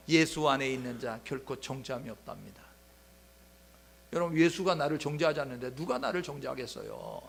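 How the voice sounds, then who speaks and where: A man's voice: a little high, gravelly. A male pastor preaching a sermon, telling Bible stories animatedly and asking the congregation rhetorical questions. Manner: animated storytelling, acting out biblical scenes in dialogue.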